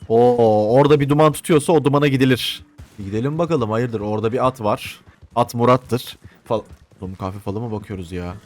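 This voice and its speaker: A young man commentating a western video game as he plays, joking, swearing and talking back to the characters. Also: medium pitch. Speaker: gameplay commentator. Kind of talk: let's play commentary.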